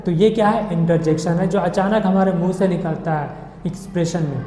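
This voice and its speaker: A man's voice: high-pitched, fairly quick, warm tone, a little hiss or hum. A man teaching a grammar lesson, explaining patiently, mixing English words into his speech and checking in with "okay" after each point. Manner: mixes English words into Hindi. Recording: echoey room with long reverb.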